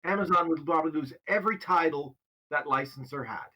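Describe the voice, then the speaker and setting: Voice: mid-range voice, a little fast, sharp tone. A podcast co-host giving blunt, emphatic opinions in casual chat.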